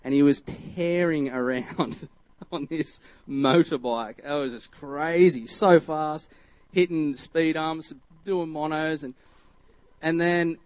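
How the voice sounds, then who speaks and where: A man with an Australian accent giving a relaxed, story-driven sermon to his church, rambling and chatty with many fillers and restarts. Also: a little high, slow, dry recording. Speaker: church speaker.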